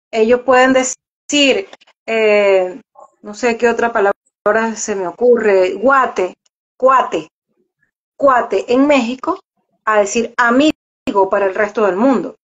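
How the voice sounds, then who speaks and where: Lady chatting in an interview, kinda high voice, dull lo-fi sound, repeats words a lot. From Venezuela. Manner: explanatory, repeats words while searching for them. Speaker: voice actress and journalist, guest. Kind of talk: casual interview chat. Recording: dull lo-fi audio.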